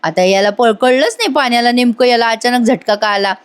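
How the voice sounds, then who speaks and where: A woman's voice: fairly high pitch, a little fast, smooth. A woman hosting a serial review, casually retelling an episode and acting out the characters' lines. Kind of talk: casual spoken episode recap.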